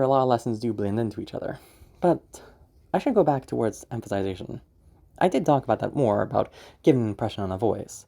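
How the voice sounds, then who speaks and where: A man's voice: medium pitch, vocal fry, warm tone. A man teaching voice acting in a casual, rambling way, with frequent laughs and restarts. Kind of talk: casual spoken tutorial.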